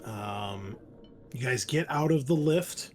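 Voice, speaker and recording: A man acting as game master for a tabletop roleplaying game narrates conversationally, pausing haltingly, with an animated, medium-pitched voice.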